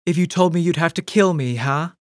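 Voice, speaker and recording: A man voicing a frustrated, slightly drunk young woman, asking sharp, exasperated questions. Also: a little high, a little fast, no room sound, clean studio sound, voice pushed up, close to an everyday voice.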